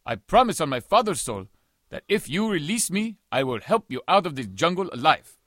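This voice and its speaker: A proud pirate, played by a man, stern and scornful. He speaks in stiff, formal English with a voice that moves a lot in pitch. The audio drama recording is dry and close. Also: very animated, moderate pace, fairly bright tone, dry recording. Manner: stiff, formal, non-native English phrasing.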